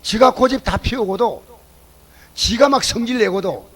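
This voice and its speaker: A man preaching a sermon at a church service. He questions the congregation and swings between loud exclamations and low asides. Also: a little slow, husky, rough recording. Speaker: pastor.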